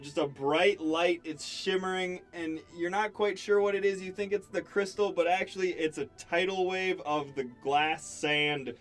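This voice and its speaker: A man's voice: high-pitched, fairly even intonation, moderate pace, hardly any pauses, a bit bright, soft background music. A young man narrating a tabletop game as game master, casual and laughing often.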